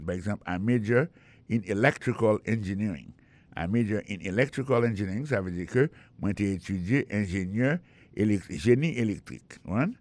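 A man with a Haitian accent leads an English lesson, saying phrases slowly and spelling them letter by letter. His voice sits fairly low, recorded dry and close. He repeats each phrase and explains how to say it. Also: dry recording. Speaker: English teacher. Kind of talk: language lesson. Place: in the United States.

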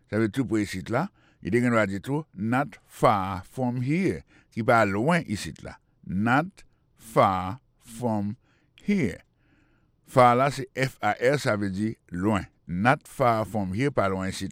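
Man, radio language teacher, lowish pitch, dry recording, patient, repeats phrases, spells words out. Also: dry recording. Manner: explanatory and patient. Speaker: English teacher and radio host.

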